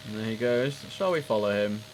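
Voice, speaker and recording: In casual live gameplay commentary, a man streaming an air traffic control simulator talks a little fast in a lowish voice, chatting and thinking aloud through tower control tasks. Vehicle ambience is noticeable, and the rough recording has a little hiss or hum.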